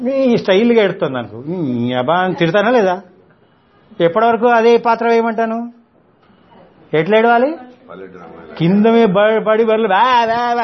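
Spiritual teacher, male, high voice, fiery rhetorical scolding, dull lo-fi recording. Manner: scolding, rhetorical questions, mixes in English words. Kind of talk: spiritual discourse to an audience.

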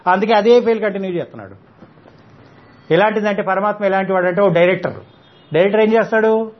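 Guy preaching, high pitched, keeps firing questions at the crowd, kinda muffled lo-fi sound. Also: quick pace. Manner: scolding, rhetorical questions, mixes in English words. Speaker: spiritual teacher. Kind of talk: spiritual discourse to an audience. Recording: dull lo-fi recording.

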